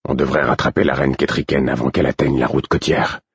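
A man reading a gruff older stablemaster. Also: extremely low pitch, steady tone, a little fast, no echo, dull audio, pitched below the performer's own voice, exaggerated voice. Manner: curt, gruff.

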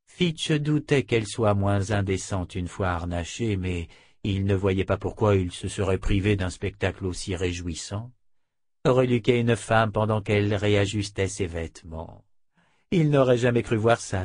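A man narrating a novel in a steady, measured reading voice. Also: fairly low pitch, no echo, studio quality. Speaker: audiobook narrator. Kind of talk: scripted narration.

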